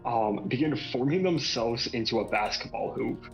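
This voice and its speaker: A man's voice: mid-range voice, expressive, moderate pace, gravelly, faint music behind. A man playing in a tabletop game, describing his character's silly bits in an easygoing way, over a muffled mic. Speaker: player. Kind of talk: casual tabletop chat.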